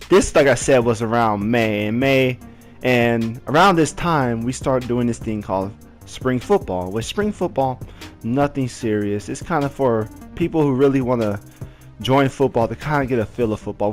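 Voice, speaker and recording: A young Southern Californian man tells a casual story to the camera as a vlogger. He is animated and says "like" constantly, his voice jumping high whenever he relives a moment.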